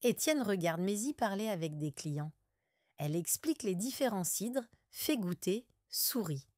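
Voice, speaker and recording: A woman narrating a story for French learners in a calm, clear, deliberate way. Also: mid-range voice, dry recording, studio quality. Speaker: audiobook narrator.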